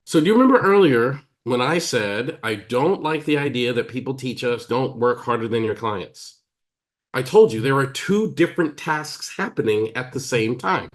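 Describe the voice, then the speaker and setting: A man with an American accent, giving a teaching talk as a therapist, emphatic and pausing deliberately, acting out quoted dialogue. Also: mid-range voice, lively intonation. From United States. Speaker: psychotherapist and trainer.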